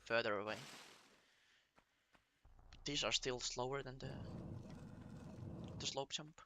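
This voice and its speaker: A man with a medium-pitched voice takes it slowly as a speedrunner explaining a game route to viewers, with a noisy background. His casual tutorial comes in short, step-by-step instructional phrases.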